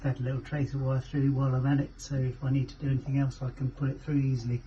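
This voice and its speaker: Speaking fast in a warm, monotone, medium-pitched voice, a man leads a hands-on DIY walkthrough on a small cabin motorboat for a boat fitting shop's how-to videos. Occasionally he hesitates and searches for words while working. The sound is dull, lo-fi camera audio carrying faint noise.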